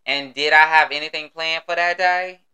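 A man's voice: a little high, steady tone, moderate pace, pushed and bright, smooth. An American man hosting a casual solo podcast, with a sassy, exuberant manner and salty, slangy talk. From United States. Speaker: podcast host.

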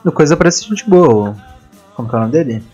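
A man's voice: a little high, lively intonation, fast, a little mellow, breathy edge, muffled recording, soft background music. A man with a Brazilian Portuguese accent hosting a casual, slangy chat and putting questions to others. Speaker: host asking questions.

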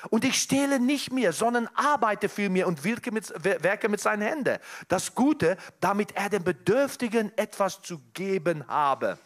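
A man's voice: high voice, expressive, moderate pace, hardly any pauses. A man preaching a sermon at a church service, talking earnestly to the congregation, often restarting his sentences. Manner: earnest, with frequent restarts and direct address to the congregation.

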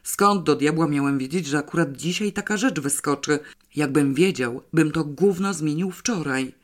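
A man's voice: a little high, normal speed, lightly acted. A man voicing an irritable male sports reporter who swears. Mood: angry.

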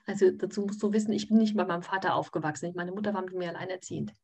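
Husky-voiced woman telling a personal story. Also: fairly low pitch, rapid-fire, a little mellow. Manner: hesitant, many fillers and restarts. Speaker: course participant.

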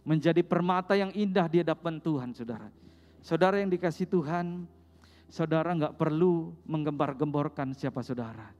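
A man's voice: a little high, a little mellow. A man preaching a sermon, calling out to the congregation with repeated "amin" and "brothers and sisters" and asking them questions. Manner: preaching with call-and-response "saudara" and "amin". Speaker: pastor. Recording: long hall reverb with faint music.

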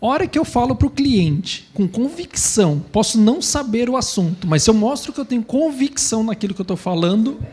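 A man's voice: very high-pitched, big pitch swings, a little fast, few pauses, mellow, slightly rough. A man on a live panel, explaining to lawyers in plain terms. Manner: explains plainly, imitates hesitant students. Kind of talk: casual panel talk.

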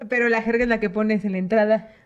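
A woman's voice: a little high, fairly even intonation, fast, clean tone, dull audio. A young woman from the Mexico City area with a Mexico City accent, chatting casually and laughing often as a co-host. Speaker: podcast co-host. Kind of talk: casual chat.

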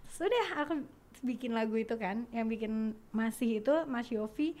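Woman, 30s, high pitch, casual chat, animated storyteller, switches into English phrases. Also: moderate pace. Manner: animated, acts out dialogue, mixes in English. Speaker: guest.

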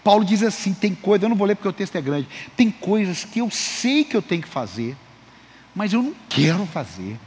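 A man preaching a sermon as pastor, lively, calling the congregation for amens and acting out short conversations. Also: high-pitched, fairly quick. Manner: lively, calls for amens and applause, acts out dialogue. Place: church sanctuary. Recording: long reverb of a church hall.

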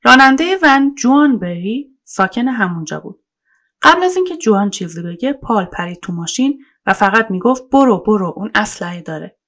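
Woman narrating true crime with gravelly fry. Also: on the high side, very animated, a bit bright. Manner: colloquial, measured storytelling. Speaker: podcast narrator.

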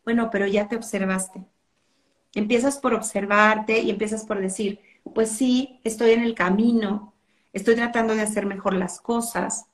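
A woman's voice: mid-range voice, steady tone, normal speed. Woman teaching about parenting, earnest, plays out parents' quotes, roomy echo. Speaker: parenting educator. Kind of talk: explanatory interview talk.

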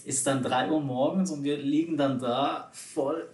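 A man's voice: on the high side, steady tone, measured pace, a little mellow, roomy sound. A man from Spain in casual conversation, chatty and hesitant, with many fillers. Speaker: conversation partner. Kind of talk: casual chat.

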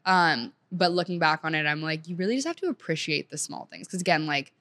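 A woman's voice: low voice, lively intonation, brisk, a bit bright. A young woman in her twenties from Senegal, talking as a guest in an upbeat, chatty way full of "like". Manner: chatty, upbeat, heavy use of "like". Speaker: guest, content creator. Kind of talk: casual chat.

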